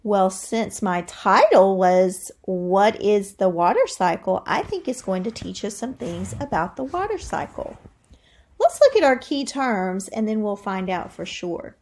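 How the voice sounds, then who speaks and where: A woman teacher with a medium-pitched voice reads aloud to young children, deliberate and expressive. She thinks aloud as she goes and puts questions to her listeners.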